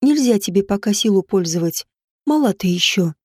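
A woman reading an audiobook voices a dying noblewoman, a witch mother who is stern with servants and tender with her daughter, speaking low, muffled and breathy. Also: animated, moderate pace, darkish tone, no room sound, clean studio sound. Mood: tender, fading.

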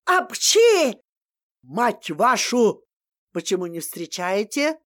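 A domineering mother-in-law in her forties , as a woman reader puts her on, barking crude threats and orders in a loud, slow voice. She sneezes often and ranges widely in pitch, from sugary to menacing, in a comic storybook reading. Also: lively intonation. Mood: yelling, bossy.

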